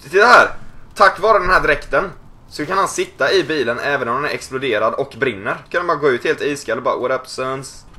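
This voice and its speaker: A young man giving joking, excitable commentary over a video game. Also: medium pitch. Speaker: gaming YouTuber.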